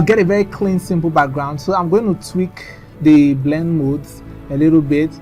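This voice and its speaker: A man's voice: a little high, a little mellow. A man talking through a screen-recorded design tutorial in a chatty, instructive way, often trailing off into mumbles.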